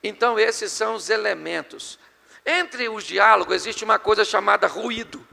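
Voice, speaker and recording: Brazilian man, middle-aged pastor, gravelly, bright tense voice, long hall echo. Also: high voice, normal speed. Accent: Brazilian Portuguese. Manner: animated, joking with the congregation. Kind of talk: sermon on marriage and communication. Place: church hall before a live congregation.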